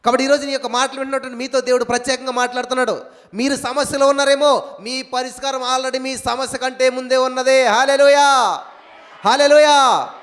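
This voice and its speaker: Male pastor, very high-pitched, emphatic sermon delivery with rhetorical questions, echoey hall recording. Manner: emphatic preaching with rhetorical questions and shouted hallelujahs. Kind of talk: live evening prayer sermon.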